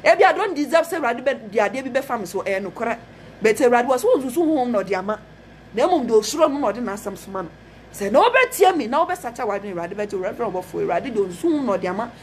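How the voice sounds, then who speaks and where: A woman's voice: a little high, very animated, very fast, slight background noise. A woman with a Ghanaian accent preaching a fervent message, repeating phrases and mixing Twi with English. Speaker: prophetess.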